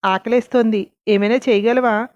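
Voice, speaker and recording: A woman's voice: a little high, steady tone, moderate pace, a little mellow, no room sound, lightly acted. Woman doing an evasive, soothing husband, storybook reading, dull dry sound. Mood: calm. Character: middle-aged husband, calm, secretive.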